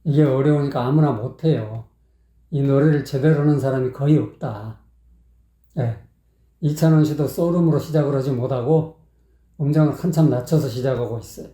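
A man's voice: medium pitch, moderate pace, warm tone. A man critiquing a singer's performance, blunt and scolding, dropping in short affirmations as he breaks the song down. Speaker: singing critic. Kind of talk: song analysis commentary. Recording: roomy echo.

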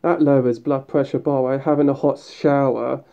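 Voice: medium pitch, steady tone, moderate pace, warm tone. A fursuit video creator talking through a mascot head in a casual, upbeat, rambling way, with many fillers and restarts. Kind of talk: casual vlog talk. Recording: dull lo-fi recording.

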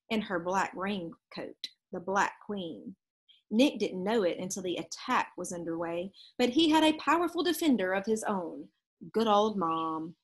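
A woman in her thirties with a husky, medium-pitched voice reads a children's storybook aloud with expression. She is outdoors on a leafy backyard porch.

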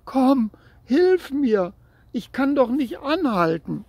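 A man voicing a panicked little boy in a storybook, with raised, pleading cries and a husky voice. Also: extremely high pitch, sing-song, slow, darkish tone, dry recording, pitched above the performer's own voice, heavily acted. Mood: desperate.

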